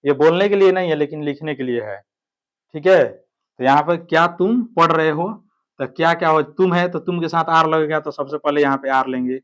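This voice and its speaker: A man's voice: fairly high pitch, normal speed, a bit bright. Man teaching grammar, step by step. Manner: explains step by step, keeps checking with "ठीक है". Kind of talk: online grammar lesson.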